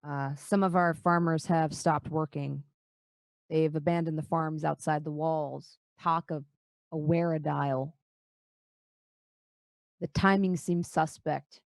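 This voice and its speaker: A woman's voice: low voice, steady tone, slow, vocal fry, pauses often, dry recording, pitched below the performer's own voice, heavily acted. A woman voicing a pompous, exasperated male dwarf town leader with a formal, blustering manner in a tabletop game. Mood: grave, dismissive.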